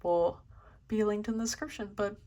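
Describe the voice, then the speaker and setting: A woman's voice: mid-range voice, fairly even intonation, moderate pace, dark tone. A young woman hosting her first vlog, flipping through a journal in a casual, hesitant way with lots of ums. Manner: hesitant, many ums, self-deprecating. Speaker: channel host.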